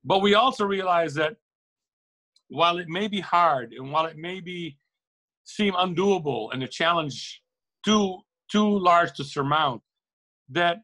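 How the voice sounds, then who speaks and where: His voice is a little high, bright, and pushed. The speaker is a middle-aged man from Lebanon who owns a record shop, giving reflective, opinionated answers as an interview guest, earnestly restating and repeating words to drive his points home.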